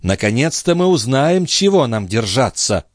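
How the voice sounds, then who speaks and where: A man with a medium-pitched, natural voice reads an audiobook, raising his pitch above his own to play a proud, frightened princess. She speaks in alarmed, urgent exclamations with big pitch swings at a moderate pace, and the studio recording is clean with no room sound.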